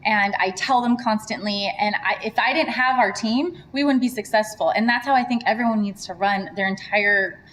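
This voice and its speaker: A woman's voice: mid-range voice, normal speed, few pauses, fairly bright tone, slight background noise, low-quality recording. A woman from Serbia talking candidly as an entrepreneur guest in a casual interview. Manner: candid, chatty.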